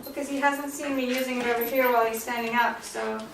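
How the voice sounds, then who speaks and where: A woman dog trainer calmly explaining a demonstration and softly praising the dog. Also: sits high, fast talker, noisy background. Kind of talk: instructional demonstration. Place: indoors in a house. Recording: roomy sound from a distance.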